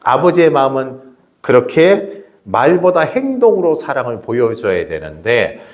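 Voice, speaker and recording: A man's voice: mid-range voice, big pitch swings, measured pace. A middle-aged man preaching a sermon in a church, keeping up rhetorical questions and calling out to members of the congregation. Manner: chats directly with the congregation. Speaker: pastor. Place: church sanctuary.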